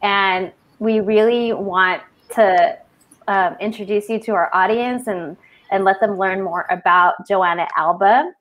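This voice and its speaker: A woman co-host asking the guest slow, deliberate questions. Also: mid-range voice. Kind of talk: interview questions.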